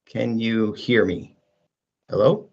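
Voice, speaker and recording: A man's voice: fairly low pitch, steady tone, slow pace, creaky, a little mellow, dull audio. A man on a video call testing a line that is not coming through, repeatedly checking whether he can be heard. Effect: video call audio. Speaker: planning consultant. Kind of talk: remote public comment.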